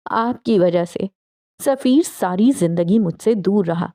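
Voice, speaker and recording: A woman voicing an enraged young woman who shouts and bites out her words at her mother. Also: medium pitch, no echo, studio quality, close to an everyday voice. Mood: furious. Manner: shouting, then cold and biting.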